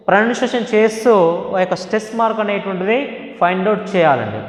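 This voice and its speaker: Male teacher, Telugu accent, higher voice, drawn-out classroom drilling, big reverberant hall. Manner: slow, drawn-out, repeating words to model stress. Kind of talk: classroom lesson mixing English and Telugu. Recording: echoey hall with long reverb.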